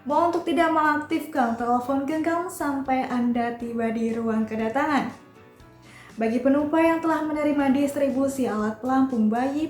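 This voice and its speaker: Girl doing a flight attendant cabin announcement, formal and polite, high voice, roomy echo. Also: darkish tone, lightly acted. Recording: roomy echo, music behind.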